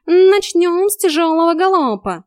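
A woman's voice: extremely high pitch, animated, moderate pace, dry recording, studio quality, pitched above the performer's own voice. A woman voicing a cheeky male talking cat who teases like a bossy fitness coach in an audiobook. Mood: mocking. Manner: teasing, bossy drill-instructor banter. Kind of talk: audiobook character voice.

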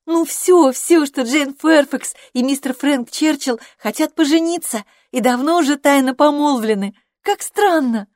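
A woman voicing an excitable, naive young woman who speaks in a high, gushing rush. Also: measured pace, few pauses, dry recording, clean studio sound. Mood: eager.

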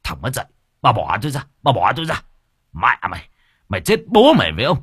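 A man voicing a hot-tempered old village father who rants and yells at his son and wife. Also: mid-range voice, wildly swooping pitch, fast talker, husky, no echo, clean studio sound, voice pushed up, exaggerated voice. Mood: furious. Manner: yelling, ranting.

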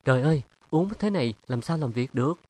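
A man's voice: mid-range voice, expressive, brisk, darkish tone, voice pushed up, lightly acted. A man voicing a stubborn, weary young woman in an audiobook, with firm, defensive retorts. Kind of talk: audiobook character reading.

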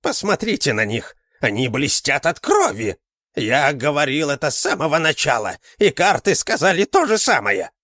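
In a clean studio recording with no room sound, a man with a mid-range voice plays an old village fortune-teller. The character is sly and ominous, prone to excited exclamations and drawn-out words.

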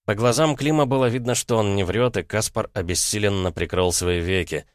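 A man narrating an audiobook in a steady, expressive storytelling manner. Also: on the low side, a little fast, dry recording, studio quality. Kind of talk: scripted narration.

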